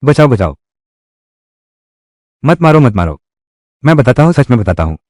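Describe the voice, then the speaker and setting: This is a Hindi dub of a live-action revenge drama, where a male voice actor lightly acts a menacing tough guy with threatening, confrontational lines. He has a medium pitch, a darkish tone, big pitch swings, and a moderate pace, recorded close in a studio with no room sound.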